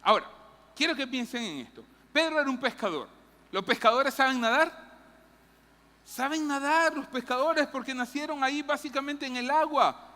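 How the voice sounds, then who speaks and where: A woman preaching a lively sermon in a church, acting out Bible characters. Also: sits high, normal speed, long reverb tail. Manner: animated, acts out Bible characters' lines, jokes with the audience. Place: church hall.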